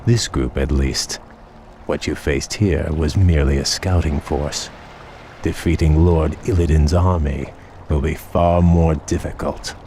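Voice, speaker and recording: A man's voice: extremely low pitch, steady tone, measured pace, mellow, slight background noise. A man voicing a proud elven prince in a fantasy game, cool and vengeful, with an aloof, formal, taunting manner.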